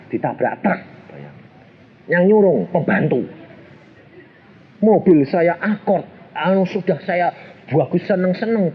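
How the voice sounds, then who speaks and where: Lively preacher, jokey. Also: male voice, on the high side, slightly rough. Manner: animated, jokey, acts out voices. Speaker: pastor. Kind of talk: storytelling sermon. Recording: dull lo-fi sermon recording with faint hiss.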